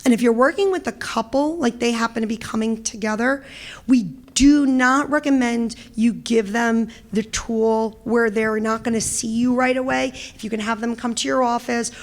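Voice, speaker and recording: Brief: loud, animated Brooklyn woman, middle-aged, presenter, slightly high voice. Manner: loud, animated, quick talker. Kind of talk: conference presentation and Q&A.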